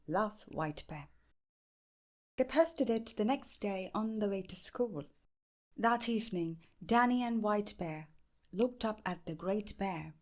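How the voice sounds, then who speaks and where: A medium-pitched woman with an Indian accent reads a children's bedtime story aloud. As a storybook reader, she is measured and expressive.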